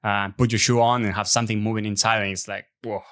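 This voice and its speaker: A man, a podcast guest telling stories in a relaxed, chatty way over a remote call. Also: on the low side, fast. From Argentina. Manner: relaxed, chatty storyteller with frequent fillers. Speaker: podcast guest, app developer. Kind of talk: casual interview chat. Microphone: remote video call.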